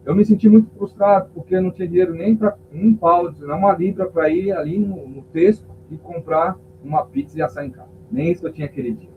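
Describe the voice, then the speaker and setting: Pastor on a tinny line. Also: male voice, sits high, quick pace, hardly any pauses. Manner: vivid storytelling, acts out the voices of people in his story. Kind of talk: emotional testimony in a podcast interview. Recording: tinny phone-like sound with faint hum.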